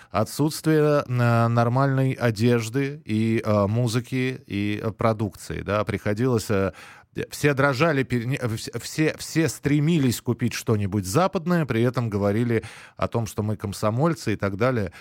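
A man hosting a live radio phone-in in a conversational, halting, self-correcting way. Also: mid-range voice, no echo, clean studio sound. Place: dry studio.

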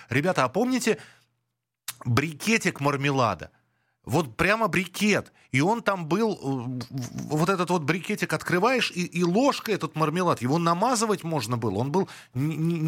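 A man's voice: a little high, fairly bright tone, dry recording, studio quality. A man hosting a radio call-in show, chatting casually and reminiscing, with frequent restarts. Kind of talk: casual nostalgic phone-in chat. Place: radio studio. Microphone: studio microphone.

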